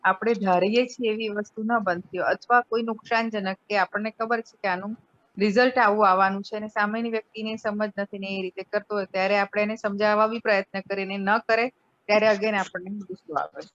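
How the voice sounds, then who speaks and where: A woman's voice: mid-range voice, steady tone, a little fast, fairly bright tone. A woman taking part in an online group discussion, thoughtfully explaining her answers at length over a video call. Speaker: session participant. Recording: dull lo-fi call audio.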